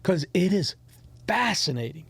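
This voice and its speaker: A man with a high, sing-song, somewhat bright voice and a breathy edge hosts a podcast, talking at an unhurried pace in a dry recording. The conversation is casual and rambling, full of restarts and repeated words. He speaks straight to his listeners in an encouraging way.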